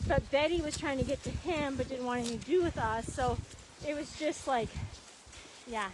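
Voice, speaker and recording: A woman chatting casually as she guides a walking tour outdoors, telling stories in an animated way and acting out reactions. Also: sits high, moderate pace. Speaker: sanctuary founder and tour guide. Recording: noisy outdoor recording, clicks and footsteps.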